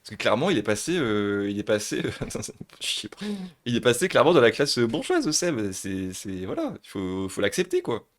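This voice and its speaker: Brief: male streamer, live reaction, excitable, laughs a lot, loose casual swearing. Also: on the low side, normal speed.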